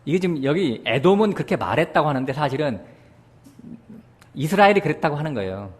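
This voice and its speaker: A male pastor preaching a sermon. He keeps asking his listeners short questions and jumps higher and louder when he voices God's words. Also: fast talker, breathy edge. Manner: animated preaching, voicing God's words with sudden rises in pitch and loudness; often checks with the congregation using short asides.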